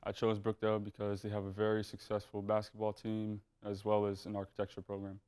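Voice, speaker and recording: A young man from New Jersey, a college basketball player, giving a measured, monotone scripted self-introduction. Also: lowish voice, smooth. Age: young adult.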